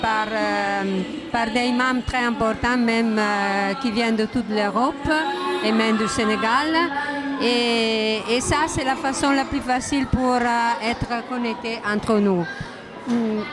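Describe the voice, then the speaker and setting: A woman's voice: on the high side, fairly even intonation, slow pace. A woman speaking imperfect French with a foreign accent, hesitantly searching for words as she answers in an interview. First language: not French. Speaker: interviewee, religious association secretary. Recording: loud music behind the voice. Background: loud music.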